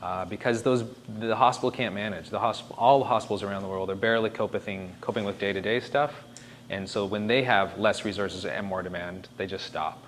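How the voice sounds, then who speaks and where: A man's voice: on the low side, steady tone, brisk, fairly bright tone. A man giving an informal presentation, conversational and emphatic as he thinks aloud. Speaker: speaker presenting disaster planning. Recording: faint background noise.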